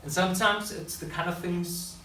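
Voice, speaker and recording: Bright and forceful, this man's high voice holds a steady tone at a normal speed. He's a school teacher and public speaker giving a loose, unscripted talk to an audience, regularly correcting himself mid-sentence, recorded at a distance in an echoey room with faint hiss.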